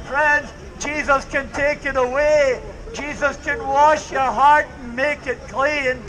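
A man's voice: very high voice, level tone, slow, bright, forceful tone, a faint crowd, a little hiss or hum. An older man preaching outdoors in a market square, fervent and repetitive. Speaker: street preacher. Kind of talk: open-air street preaching. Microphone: distant camera, preacher with handheld mic and speaker. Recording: open-air sound from a distance.

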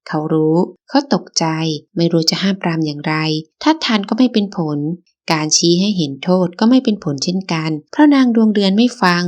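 A woman narrating a romance novel as an audiobook in a calm, even reading. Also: mid-range voice, brisk, hardly any pauses.

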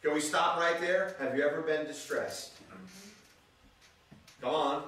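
Male pastor, sermon; bright, unhurried delivery, reads scripture and calls out to the congregation; booming room echo, distant mic. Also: fairly even intonation. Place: church sanctuary. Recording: echoey church room, voice from a distance.

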